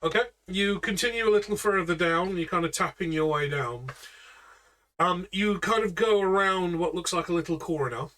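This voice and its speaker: A man narrating a tabletop game as its game master, in a chatty, unpolished way full of fillers and restarts. His voice is bright and forceful, sitting a little higher than most men's. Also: moderate pace, recorded from a distance. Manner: chatty, with frequent fillers and self-corrections.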